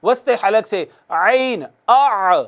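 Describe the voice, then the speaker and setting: A man teaching a televised tajweed lesson. He recites verse words slowly and at length, has viewers repeat after him, and asks questions that he then answers himself. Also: sits high, animated. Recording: studio broadcast.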